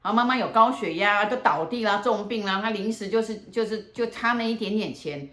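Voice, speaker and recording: A woman fortune teller telling a story in casual chat, acting out both sides of the dialogue in a lively way. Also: medium pitch, a little fast. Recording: roomy echo.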